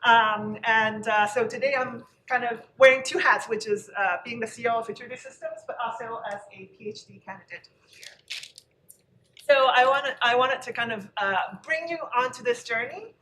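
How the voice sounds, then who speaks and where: A woman's voice: a little high, fairly bright tone, a little hiss or hum. Nervous, chatty woman in an echoey hall. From Hong Kong and Macau. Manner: chatty, self-deprecating, quick asides. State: nervous and over-caffeinated. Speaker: guest speaker. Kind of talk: casual talk to an audience. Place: lecture room. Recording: echoey hall, recorded from a distance.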